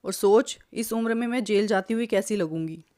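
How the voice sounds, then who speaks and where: Woman voicing a scolding older mother-in-law, protective and sharp-tongued, mid-pitched storybook voice. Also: normal speed, lightly acted. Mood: sly. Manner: scolding, lecturing.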